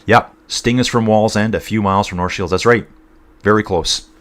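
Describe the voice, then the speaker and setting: A man's voice: fairly low pitch, fairly even intonation, normal speed, fairly bright tone. A man from North East England hosting a casual cycling livestream, rambling between race commentary and reading out viewer chat, calling everyone dude and guys.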